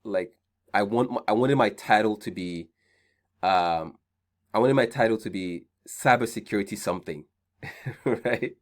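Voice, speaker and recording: Speaking a little slowly in a lowish voice and pausing often, a Nigerian-accented man hosts an online career seminar. His style is casual and repetitive on key points, with "right?" dropped in again and again to check understanding.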